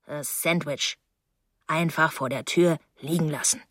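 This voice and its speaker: A woman voicing a moody, stubborn young man who answers curtly in a lowered voice. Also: steady tone, measured pace, fairly bright tone, dry recording, clean studio sound. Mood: sulky.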